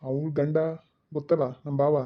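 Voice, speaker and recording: A henpecked cartoon village father with a slightly high voice, joking one moment and whining for respect the next, voiced by a man. The audio is a bit dull and lo-fi. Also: flat delivery, moderate pace, lightly acted. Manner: joking, whiny, pleading. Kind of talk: cartoon voice acting.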